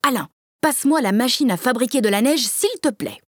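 A woman voicing a kindly, tall, thin, grey-haired uncle in a children's storybook reading, explaining things calmly. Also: fairly high pitch, a little fast, breathy edge, dry recording, clean studio sound, pitched above the performer's own voice. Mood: asking.

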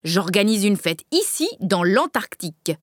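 A woman's voice: medium pitch, very animated, unhurried, no echo, studio quality. A woman doing Monsieur Mazzarati, a grand party host. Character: rich fifty-year-old man, well-meaning.

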